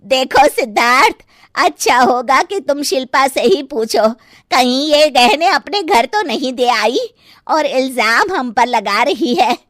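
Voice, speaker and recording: A greedy, stingy mother-in-law who grumbles about money and dowry. She talks slowly and high, with a dry close sound. It is a cartoon story voice. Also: lively intonation, a bit bright, dry recording, heavily acted. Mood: grumbling. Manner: slow, grumbling, complaining. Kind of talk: animated story voice acting.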